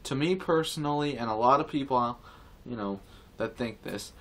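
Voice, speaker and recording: A man of middle pitch rants to camera in a casual video. He rambles and circles back on the same phrases, with false starts and fillers throughout. His tone is earnest and indignant. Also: normal speed, a bit bright. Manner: rambling, repetitive, with many restarts and fillers. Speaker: vlogger. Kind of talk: casual opinion rant to camera.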